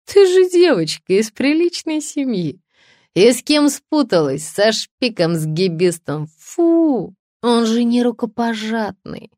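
A woman's voice: very animated, slow pace, no echo, studio quality. A woman reading an audiobook, voicing a drunken, spiteful female writer who jeers and drawls. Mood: shrill. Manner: shrill, jeering and drawling. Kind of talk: audiobook character voice.

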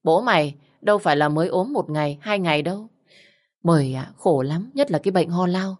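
Woman doing a bossy older relative, stern, scolding, insistent, low voice. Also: lively intonation, a little fast.

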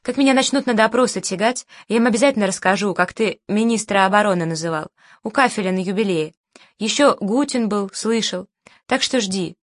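A woman's voice: medium pitch, a little fast, no room sound, natural voice. A woman reading the part of a male screenwriter who answers bluntly and mockingly, in a dry recording.

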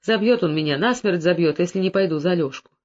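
A proud, sharp-tongued young village woman, as a reader puts her on. Her replies are short and mocking, heard on a dull, lo-fi recording. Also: mid-range voice, brisk, close to an everyday voice. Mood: tense. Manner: curt, mocking. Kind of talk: audiobook dialogue reading.

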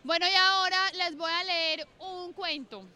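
Woman, workshop facilitator, high bright voice, chatty and self-amused, outdoors on a handheld mic. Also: fairly even intonation, unhurried. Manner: chatty, repeats instructions, laughs at herself. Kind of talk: guiding a group writing exercise. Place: outdoor park. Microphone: handheld mic, often held away.

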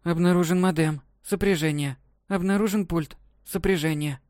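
A man's voice: a little high, steady tone, moderate pace, darkish tone, no room sound, clean studio sound, voice pushed up, lightly acted. A man putting on a metallic robot girl. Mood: mechanical. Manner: stiff machine announcements in a metallic voice. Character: young girl speaking as a flat metallic robot. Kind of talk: audiobook narration with character voices.

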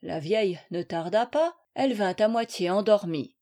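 A woman reading a historical novel aloud as an audiobook narrator, in a measured storytelling manner. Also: mid-range voice, animated, warm tone. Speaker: audiobook reader.

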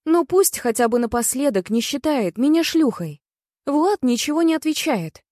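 A woman narrating a first-person story in an expressive, lively reading. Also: high voice, moderate pace, dry recording, studio quality. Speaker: audiobook narrator.

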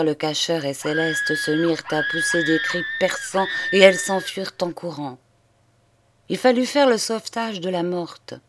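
A woman narrates a literary story as an audiobook. Her voice sits low and moves slowly, with grave, measured phrasing. The recording is dry and close. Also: dry recording. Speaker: audiobook reader.

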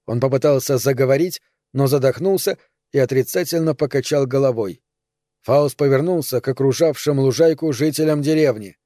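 A male narrator reading a novel aloud at a steady, measured pace. His voice is dark and mellow at a middling pitch. The recording is close and dry. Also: no room sound. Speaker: audiobook narrator.

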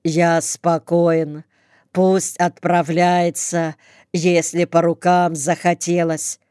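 Curt young soldier back from the front, commanding and quick to flare up, slow deliberate delivery, smooth tone, close and dry, as a woman reads him in an audiobook. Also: fairly low pitch, flat delivery, mellow, dry recording. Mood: gruff. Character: young male soldier home from the front, curt and hot-tempered.

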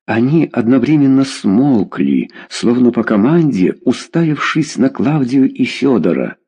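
A man narrating a story aloud in an expressive, measured manner. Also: mid-range voice, husky. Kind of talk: audiobook narration.

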